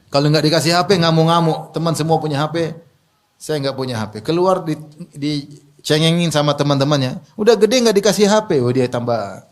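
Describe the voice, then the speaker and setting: A man preaching a sermon in a lively, joking way, asking the audience questions and laughing at his own remarks. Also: on the high side. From Indonesia.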